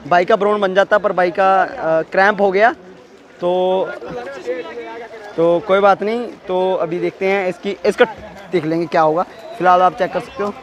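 A man's voice: high voice, a little hiss or hum. A man vlogging a school swimming meet, chatting casually to his viewers and calling encouragement to the swimmers. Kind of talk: casual commentary to camera. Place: outdoor swimming pool at a school competition.

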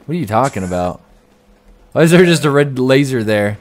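A young man hosting a gaming channel talks at a fairly quick pace in a medium-pitched voice, joking casually while playing a shooter co-op with a friend. He's animated and jokey, and shouts during firefights.

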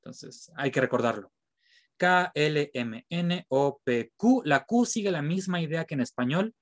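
A man's voice: on the high side, animated, no room sound. Patient man teaching, dry sound. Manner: patient, spells out sounds slowly and repeats them. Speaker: French teacher. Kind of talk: online class lecture.

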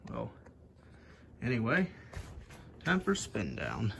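This young ceiling-fan channel host rambles offhandedly, saying "anyway" often, as his phone points up at a fan in an attic or shed under bare wooden rafters. His medium pitch swings hugely, and he talks slowly with vocal fry and a fairly bright tone, over slight background noise.

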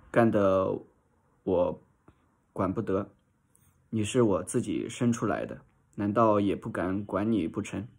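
A harsh, angry mother, read by a man berates her daughter without letup. The voice is low and slow-paced, as in a storybook reading. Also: creaky, breathy edge, heavily acted. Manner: berating, shrill-tempered.

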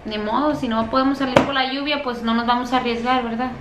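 A woman's voice: fairly high pitch, level tone, fast talker, very noisy. A woman vlogging from home, chatting casually with her viewers and often addressing them as girls. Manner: chatty, warm toward viewers, often calls them "chicas". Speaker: family vlogger, mother.

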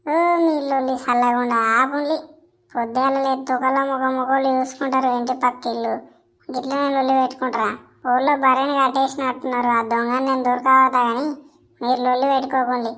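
A woman voicing a grumbling old village elder man with a Telangana Telugu accent who scolds two quarrelling neighbours in drawn-out tones. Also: high-pitched, level tone, fairly bright tone. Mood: scolding. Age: older. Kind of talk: village comedy skit.

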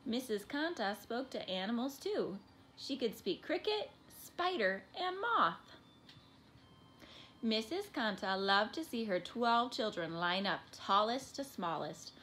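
A woman reading a children's picture book aloud in an expressive, animated way. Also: fairly high pitch, takes it slowly, a little hiss or hum. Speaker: storybook reader.

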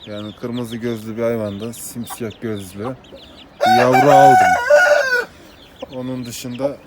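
A man's voice: mid-range voice, wildly swooping pitch, slow pace. A man who keeps poultry, answering questions in a plain, matter-of-fact way with hesitant fillers. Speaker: poultry keeper, garden owner. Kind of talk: casual interview answers. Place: outdoor garden with poultry. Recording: clear outdoor noise with chickens.

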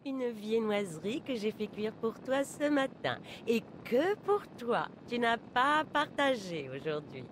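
A woman's voice: fairly high pitch, very animated, unhurried, hardly any pauses, slight background noise, rough recording. A woman in a French game dub playing a kindly old woman who rambles and dotes on a young boy. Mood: doting. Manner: rambling and doting.

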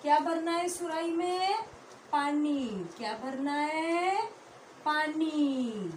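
A high-pitched woman teaches small children to read, drawing each syllable out very slowly. She asks a question and then answers it herself. The echoey classroom has a faint hiss of noise behind it. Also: animated. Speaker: pre-primary teacher. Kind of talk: slow classroom phonics lesson.

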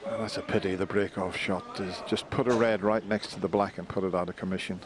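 A man giving hushed, measured snooker commentary in a low-key manner. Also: fairly even intonation. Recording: crowd and hall noise behind voice. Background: snooker arena crowd ambience.

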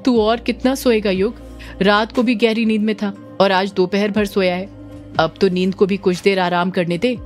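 A woman's voice: mid-range voice, fairly even intonation, moderate pace, soft background music, close to an everyday voice. A woman doing Abhimanyu, a teasing young man. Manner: teasing, probing questions.

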